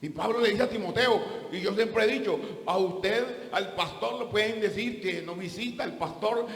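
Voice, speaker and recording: A man with a high-pitched voice preaches as pastor, driving home each point with rhetorical questions. His sermon rings out with a long, roomy reverb, as if from a church hall. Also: normal speed.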